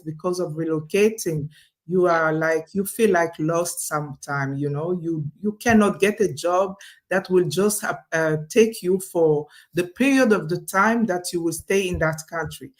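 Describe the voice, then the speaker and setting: A Congolese woman whose first language is French speaks in a lowish voice at an unhurried pace. She's a guest on a video call, an online business owner in a casual interview, chatty and quick to laugh, with lots of fillers and restarts.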